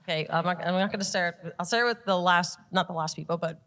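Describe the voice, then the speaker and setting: A woman's voice: lowish voice, quick pace, a bit bright. A woman with a Nova Scotian accent speaking on a panel in a museum, candid and self-deprecating. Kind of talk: casual panel talk.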